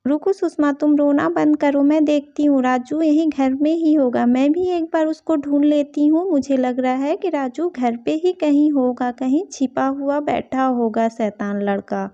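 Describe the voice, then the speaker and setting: A woman voicing a calm elder sister figure in a doll story, scolding and reassuring. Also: high-pitched, unhurried, few pauses, dull audio.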